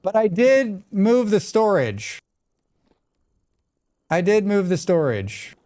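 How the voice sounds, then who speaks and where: Chatting loosely while gaming live, this General American-accented streamer wanders between topics and responds to his chat. He speaks slowly in a high voice with big pitch swings and a darkish tone, without room sound.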